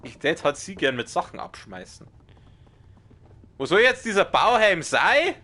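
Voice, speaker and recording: A young let's play streamer speaks with a Bavarian accent as he commentates his live game stream, slight background noise audible. His voice sits high and is so loud and strong it can resemble shouting even in normal conversation; he's excitable and swears at the game readily.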